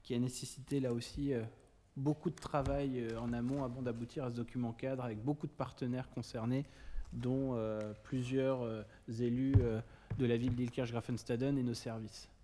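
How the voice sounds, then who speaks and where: Mayor with a dark, flat voice. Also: male voice, medium pitch, long reverb tail, a little hiss or hum. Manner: flat, halting delivery with frequent "euh" fillers. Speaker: mayor chairing a council meeting. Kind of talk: formal meeting chairing. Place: city council chamber.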